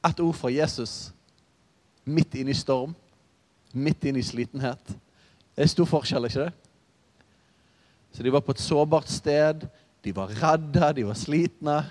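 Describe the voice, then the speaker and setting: A man preaching a sermon in a relaxed, conversational way, telling stories with asides. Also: a little high, pauses often. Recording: reverberant hall.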